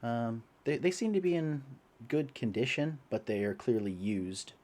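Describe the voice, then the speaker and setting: A man's voice: mid-range voice, sing-song, measured pace, darkish tone. A young man narrating as game master, rambling with many fillers.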